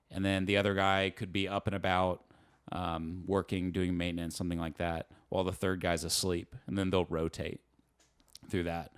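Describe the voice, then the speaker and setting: A man in his twenties, a navy submarine officer, telling stories in a relaxed and chatty way with light laughs and fillers during a casual podcast interview. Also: sits low, smooth, no echo, studio quality.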